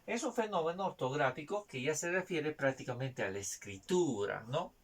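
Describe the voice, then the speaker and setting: A man teaching a spelling lesson, repeating each point and checking in with quick tag questions. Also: on the high side, animated. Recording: distant mic, faint noise.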